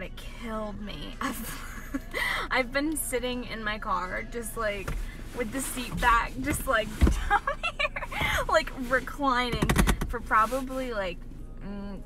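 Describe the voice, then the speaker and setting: A woman's voice: on the high side, low-quality recording. A young woman chatting casually as a fitness vlogger, upbeat and full of filler words, filmed on a phone at arm's length. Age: young adult. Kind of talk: casual vlog chat. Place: parked car and home kitchen. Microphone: phone camera at arm's length.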